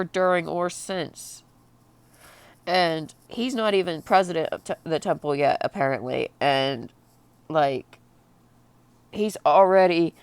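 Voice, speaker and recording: A woman pours out an emotional personal vent while crying, her words halting and blubbering. Her voice sits on the low side with a gravelly creak, captured dry and close. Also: no echo. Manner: blubbering, tearful, halting delivery. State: crying, very upset. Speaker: vlogger.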